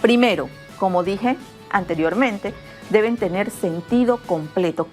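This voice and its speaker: A woman's voice: medium pitch, darkish tone. Woman, middle-aged, school teacher, remote lesson, acts out examples, faint background music. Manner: explanatory, acts out example phrases with changing tone.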